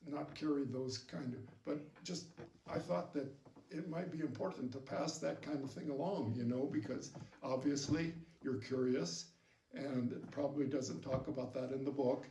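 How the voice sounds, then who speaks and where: In an interview, an elderly man who served in the war recalls his past slowly, pausing long and reflecting as he halts between thoughts. His voice is medium in pitch and dark. The recording has a distant microphone, an echoey room, and background noise.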